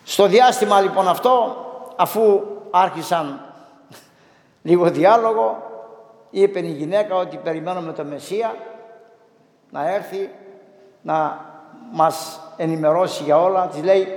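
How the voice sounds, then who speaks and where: A priest delivers a sermon, retelling the story in plain words and adding frequent asides about who is speaking. His voice sits high for a man. The church around him makes it echo with a long, lingering reverb. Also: pauses often. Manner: plain storytelling with constant 'he tells her' asides.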